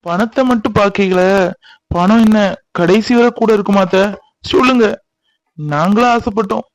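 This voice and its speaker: A man plays a torn young village man in a cartoon. His voice is high for a man, earnest and emotional. The sound is close and dry. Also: moderate pace, no room sound, natural voice, low-quality recording. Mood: indignant. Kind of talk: cartoon voice acting.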